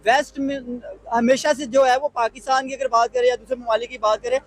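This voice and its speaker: High-voiced man arguing a point. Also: little pitch movement, a little fast, a little hiss or hum. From Pakistan. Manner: forthright, argumentative. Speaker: talk show commentator. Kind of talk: opinionated commentary.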